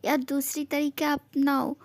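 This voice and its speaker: A woman's voice: high voice, level tone, unhurried. A woman playing a playful, teasing young wife in a fan audio drama, who taunts and sweetly coaxes. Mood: coaxing.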